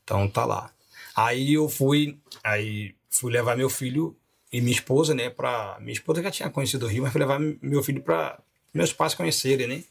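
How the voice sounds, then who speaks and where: Gravelly-voiced pastor telling his story. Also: medium pitch, moderate pace. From Rio de Janeiro. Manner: animated storyteller, laughs often. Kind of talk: podcast testimony storytelling.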